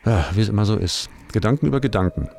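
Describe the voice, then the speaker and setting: A middle-aged male music host chats casually in a fairly low, creaky voice. He digresses freely and pokes fun at himself in colloquial speech. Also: animated, fast talker, darkish tone, slight background noise. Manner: self-ironic, digressive, colloquial. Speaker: radio music show host. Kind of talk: casual rambling music presenting.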